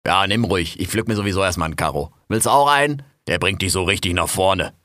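A man's voice: low-pitched, fast, dry recording, studio quality. A man doing a brash cursing raccoon. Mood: offhand. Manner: loud, cursing, jumpy and excitable. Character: brash, foul-mouthed male raccoon garden worker. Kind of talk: audio drama acting.

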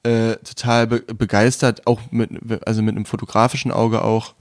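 A man's voice: fairly low pitch, level tone, normal speed, dry recording, studio quality. A young man from Brandenburg, guest on a casual podcast chat, talking in a rambling, hesitant way with many fillers and restarts. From Brandenburg, Germany.

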